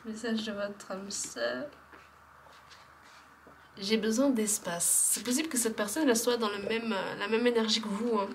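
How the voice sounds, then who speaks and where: A woman talks through a spiritual card reading in a loose, hesitant way, full of fillers and trailing off into near-whispers. Her voice sits at an ordinary middle pitch. Faint background hiss lingers under the recording. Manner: chatty, hesitant, many fillers, often drops to a soft whisper. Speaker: tarot card reader.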